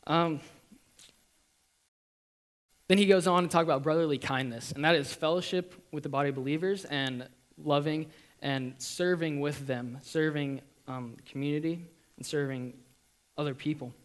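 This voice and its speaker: Earnest young man sharing a church testimony. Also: on the high side. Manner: earnest, halting, many ums and restarts. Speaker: student giving a testimony.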